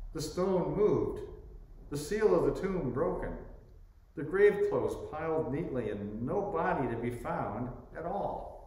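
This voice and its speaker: A priest in his sixties reads a scripted sermon from the pulpit at medium pitch, slowly and deliberately, his voice lively with rises and falls. He uses a pulpit microphone on a stand near the organ pipes of a church sanctuary, captured by a distant camera with echo and slight hiss or hum.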